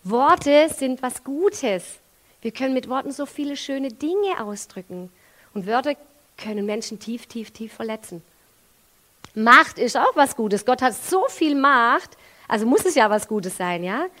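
Lively Swabian woman preaching. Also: on the high side, measured pace. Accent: Swabian German. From Swabia, Germany. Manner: lively, with big swings in loudness and everyday examples. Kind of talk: sermon.

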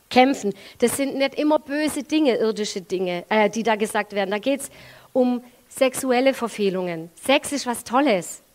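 A woman with a Swabian accent preaching a sermon in a lively way, moving from quiet to loud and using everyday examples. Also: a little high. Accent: Swabian German. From Swabia, Germany. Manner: lively, with big swings in loudness and everyday examples.

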